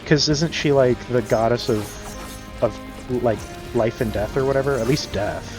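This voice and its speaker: A man's voice: mid-range voice, moderate pace. A man streaming a game and chatting casually, rambling with many fillers and frequent chuckles. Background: game music.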